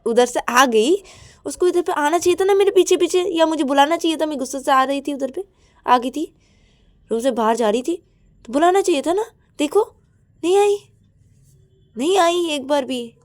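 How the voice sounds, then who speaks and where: A woman's voice: on the high side, fairly even intonation, normal speed, clean tone, pitched above the performer's own voice, lightly acted. A woman voicing a young woman, sulky and jealous, complaining in a whiny, pouty way. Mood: angry.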